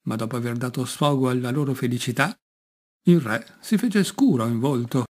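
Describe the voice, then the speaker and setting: A man reading a folk fairy tale aloud in an expressive, lively way. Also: medium pitch, moderate pace. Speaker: reader. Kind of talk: storybook reading.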